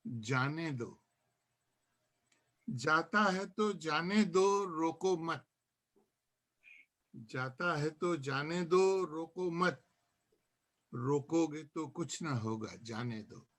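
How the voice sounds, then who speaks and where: A man reciting his own poem at a literary gathering, in a measured style with repeated refrains, then telling a story about an earlier poetry evening. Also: on the high side, lively intonation, fairly bright tone. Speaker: poet.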